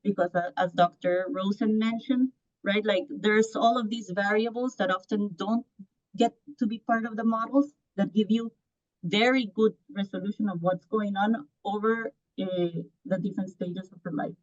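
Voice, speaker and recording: This woman, a startup founder from Costa Rica in her thirties, speaks on a panel in a medium-pitched, steady, darkish voice at normal speed. She's earnest, with lots of restarts and fillers. The recording is muffled and lo-fi.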